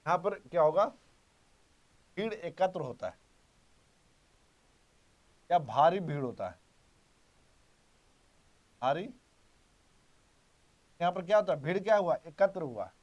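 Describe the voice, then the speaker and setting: High-voiced man teaching grammar emphatically. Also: lively intonation, slow, long pauses, highs cut off. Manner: emphatic, repeats key points, quizzes students. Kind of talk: exam-prep grammar lesson.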